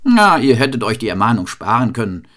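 A man voicing a cantankerous, fault-finding master shoemaker, scolding in a high nagging tone in a fairy tale reading. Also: very animated, fairly quick, a bit bright. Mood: smug.

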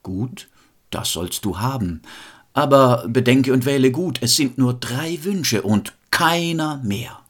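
A huge radiant fairy woman from a storybook grants a wish with slow, mocking calm, voiced by a man. The voice is husky. She moves freely between low and high pitch.

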